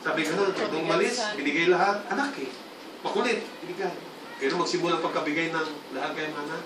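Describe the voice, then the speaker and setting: A male pastor giving a lively church sermon, often calling out for the congregation's response. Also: fairly high pitch, fast, background noise. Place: church hall. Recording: roomy hall, distant mic, congregation sounds.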